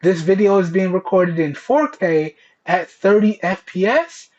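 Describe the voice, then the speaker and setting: A man with a fairly high voice talks like a casual tech reviewer addressing his viewers. His phrasing is colloquial and he keeps checking in as he explains. The sound is dull and lo-fi, captured on Bluetooth earbud headset microphones. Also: expressive, measured pace, a little mellow. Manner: colloquial, repeatedly checks in with "okay" and "all right". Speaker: tech reviewer, video host. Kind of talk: casual product test presentation to camera.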